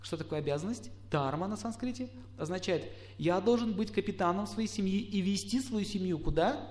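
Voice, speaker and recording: A middle-aged man giving a lecture, putting questions to his listeners and acting out quoted spouses in lively asides. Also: sits high, a little fast. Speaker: astrologer lecturer. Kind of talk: lecture to a live audience.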